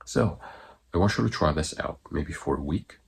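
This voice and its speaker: Very deep husky-voiced man teaching. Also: expressive, moderate pace. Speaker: breathwork coach giving online guidance. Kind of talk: instructional talk to viewers.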